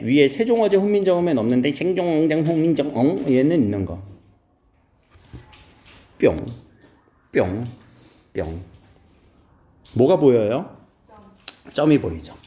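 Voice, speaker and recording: In an echoey room, a man from Seoul gives a classroom lecture, putting questions to his students and tossing in playful asides. His voice is mid-range with a dark tone.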